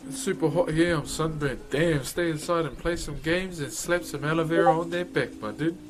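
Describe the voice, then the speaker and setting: A man's voice: a little high, normal speed. Laid-back man with a broad Kiwi accent. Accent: broad New Zealand. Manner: laid-back, slangy, often addressing viewers as brother. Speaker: live streamer. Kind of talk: casual livestream chat with viewers.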